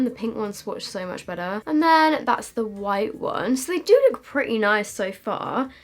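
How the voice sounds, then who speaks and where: A young British woman talks casually to camera as a beauty vlogger. Her mid-pitched voice has a slight lisp from a retainer in her mouth, and she is chatty and quick to poke fun at herself. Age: young adult. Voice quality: slightly lispy from wearing a retainer. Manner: chatty, self-deprecating. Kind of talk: casual makeup review to camera. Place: small decorated room indoors.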